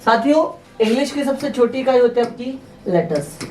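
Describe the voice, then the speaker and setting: A man teaching a spoken English lesson, often addressing his viewers as friends and drilling words by slow repetition. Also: very high voice, expressive, a little mellow. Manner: addresses viewers as friends, checks with "theek hai". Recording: roomy echo, mic at a distance, faint noise.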